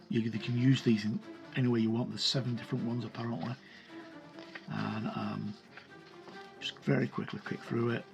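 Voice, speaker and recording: A man with a creaky, mid-range voice hosts a tabletop game review channel. He talks casually and without a script, rambling and hesitating as he pages through a book.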